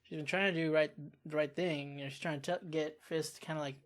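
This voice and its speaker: A reaction channel host talking casually about a TV episode, expressive and quick to exclaim and sigh. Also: medium pitch. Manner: expressive, exclaims and sighs often.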